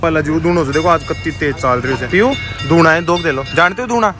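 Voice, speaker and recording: A man's voice: fairly high pitch, fairly quick, music in the background. A man with a Rajasthani accent chatting and teasing his family in a casual vlog, recorded in a car on the road. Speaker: family vlogger.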